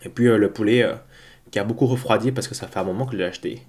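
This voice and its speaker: A man's voice: fairly low pitch, very fast, darkish tone, breathy edge. A man with a stuffy, blocked-nose voice from a cold, chatting casually and a little hesitantly to camera as he hosts a food vlog at home. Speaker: host of a mukbang food review vlog.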